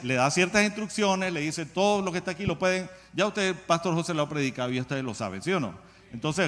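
A man's voice: on the high side, a bit bright, in a large hall. A man preaching a sermon in a casual, conversational way, often asking the congregation questions.

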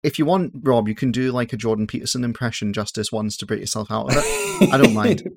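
A man co-hosting a podcast in a casual, teasing way. His voice is mid-pitched and recorded close and dry, with no room sound. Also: expressive, quick pace, creaky, dry recording. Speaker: podcast co-host. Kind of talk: casual chat.

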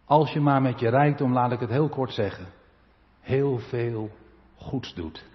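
A man from the Netherlands preaching a sermon as pastor, his voice swelling loud and then dropping to quiet asides, often tagging a "hè?" onto his points. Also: medium pitch, a little slow, in a large hall, lo-fi sound. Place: church.

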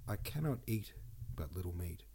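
Deep and creaky, this man's voice moves at normal speed with slight background noise in the recording. As a podcast host, he reads old poems aloud and comments on them in a casual, relaxed way, sounding sniffly and congested.

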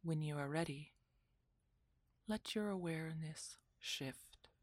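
A woman leads a guided relaxation meditation, her low voice soft, breathy and calming, often slipping into a whisper as in a spa. She goes slowly, and the recording carries no room sound.

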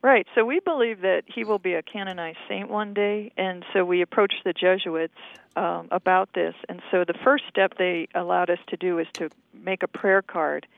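A woman in her fifties from Hawaii, giving an earnest, steady account of her community's service work. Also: lowish voice, normal speed, gravelly, no echo. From Hawaii, USA. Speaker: lay community member in mission work. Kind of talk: interview, testimony. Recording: narrow phone-like sound.

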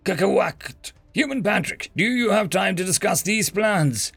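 A man's voice: sits high, animated, measured pace, vocal fry, a bit bright, husky, faint music behind, pitched above the performer's own voice, exaggerated voice. A man voicing a haughty, menacing tentacled alien overlord father who hisses and snarls in formal speech. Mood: scheming. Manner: hissing, snarling, formal and imperious.

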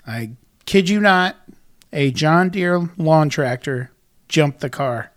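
A man's voice: a little high, animated, slow pace, a bit bright. A man co-hosting a show in casual chat, with wry, joking storytelling. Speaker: podcast co-host.

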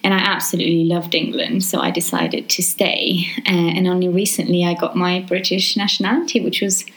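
A woman from Romania, a guest on a podcast, talking in a relaxed, agreeable way and laughing easily. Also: on the low side, brisk, low-quality recording. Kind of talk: casual podcast conversation.

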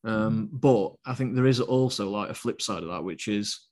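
A man co-hosts a podcast in relaxed conversation. His voice sits somewhat low and stays fairly even rather than lively. He hesitates often, filling gaps with ums as he finds his words. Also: moderate pace. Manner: steady, not very animated, hesitant with fillers. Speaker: podcast co-host. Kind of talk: casual podcast chat.

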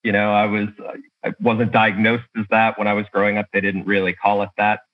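A man's voice: on the low side, completely flat delivery, a little fast, lo-fi sound. A man speaking as a podcast guest, casually telling his own story over a remote call.

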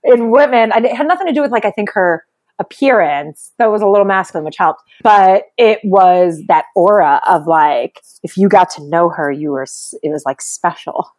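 A woman with a New York accent and a raspy chain-smoker voice, chatting casually and jokingly as a comedian guest. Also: mid-range voice, normal speed, darkish tone. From Brooklyn, New York, United States. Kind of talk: casual chat.

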